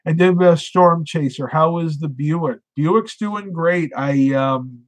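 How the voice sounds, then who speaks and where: Speaking slowly in a fairly high voice, a man hosts a laid-back live stream where he chats and reads viewer comments, full of fillers. His voice is going, and he sounds stuffed up.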